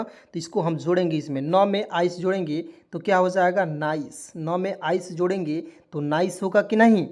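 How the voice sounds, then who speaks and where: Man, online teacher, beginner lesson, spells out letters, repeats himself, rhetorical questions, calls listeners friends. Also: high-pitched. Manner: repeats each point and quizzes viewers with rhetorical questions; keeps addressing listeners as friends.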